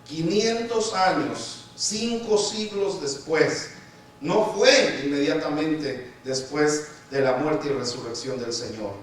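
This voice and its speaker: A man's voice: fairly high pitch, slight background noise. A man preaching a sermon who keeps calling out to his listeners as brothers and acts out the complaints of churchgoers. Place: church hall. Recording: echoey church hall from far off.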